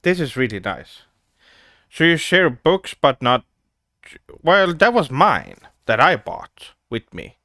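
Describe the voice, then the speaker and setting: A man's voice: on the high side, no echo, clean studio sound. A man streaming, commenting casually and with amusement as he reacts to his old videos. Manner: amused, chuckling, slow and relaxed.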